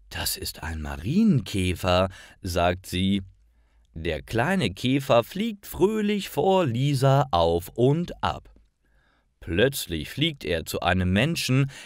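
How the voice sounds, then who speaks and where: A man narrating a story for language learners with calm, clearly paced reading. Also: fairly low pitch, no room sound, clean studio sound.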